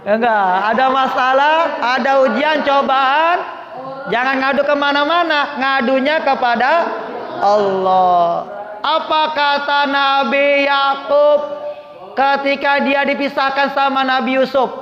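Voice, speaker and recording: A man's voice: very high voice, slow pace, crowd noise. A man giving a religious lesson to young people, often asking the audience questions and waiting for their answers. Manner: questions the audience, call and response. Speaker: Islamic teacher. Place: prayer room gathering. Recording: echoey, dull lo-fi hall recording.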